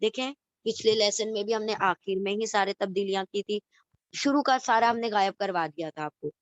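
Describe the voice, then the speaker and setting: A woman's voice: medium pitch, no room sound. A woman teaching grammar in a lesson, chanting each ending over and over as a drill. She keeps checking that her students follow. The recording is dry and a little dull, with no room sound. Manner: repeats word endings slowly to drill them; checks in with "theek hai?". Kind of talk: Urdu lesson with English terms.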